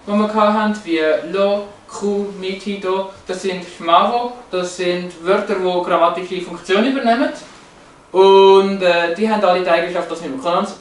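A man explaining language features from slides, hesitant, with many fillers and restarts. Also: high-pitched. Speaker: presenter. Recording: roomy, echoey, from a distance.

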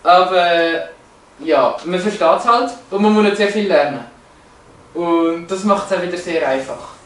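A man's voice: high-pitched, normal speed. A man explaining language features from slides, hesitant, with many fillers and restarts. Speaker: presenter. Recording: roomy, echoey, from a distance.

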